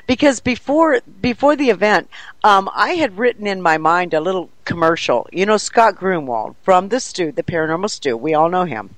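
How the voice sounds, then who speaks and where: A woman who organizes paranormal events, telling an excited story in an interview, animated and laughing often. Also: on the low side, normal speed, dry recording, poor audio.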